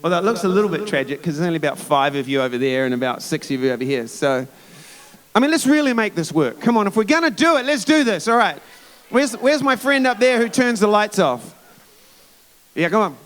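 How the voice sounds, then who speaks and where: High-voiced man chatting from a stage. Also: very animated, fairly quick, fairly bright tone. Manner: rambling, chatty, teasing the crowd. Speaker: musician addressing a youth conference. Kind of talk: casual, encouraging talk between songs. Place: conference hall stage with a live audience.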